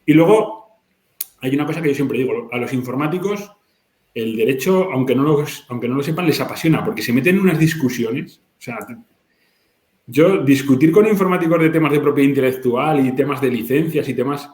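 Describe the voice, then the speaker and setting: A man's voice: mid-range voice, fairly quick, a little mellow. Guy lawyer, blunt and emphatic, roomy echo on him. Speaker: lawyer and book co-author. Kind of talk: panel discussion talk.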